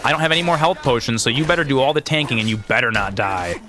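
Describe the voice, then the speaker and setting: Over background music, a man in his thirties speeds through loose, rambling gameplay commentary at a medium pitch. He's a gaming video creator and streamer whose slangy, exclamatory talk leans heavily on "dude."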